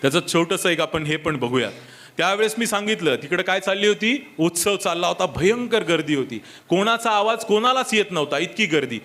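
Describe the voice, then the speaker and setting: A man preaches at a church service in a high, ringing voice. He presses his points with rhetorical questions and repeated reminders to the congregation. Now and then he switches into English to drive a point home. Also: expressive, a little fast, a bit bright. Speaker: pastor. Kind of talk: sermon.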